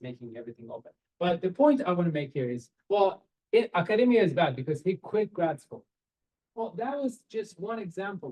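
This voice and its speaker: Speaking earnestly and directly to seminar students over a video call, an Iranian man gives career advice peppered with rhetorical questions and non-native phrasing. His voice is a little high, dark-toned and breathy-edged, captured in low quality by a webcam.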